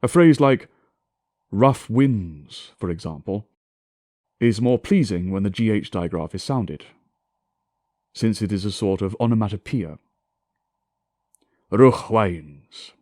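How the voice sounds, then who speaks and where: Formal man lecturing with very animated intonation. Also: lowish voice, dry recording, clean studio sound. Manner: formal, deliberate, declamatory delivery with emphatic enunciation. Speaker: lecturer on historical English pronunciation. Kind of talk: scripted scholarly lecture.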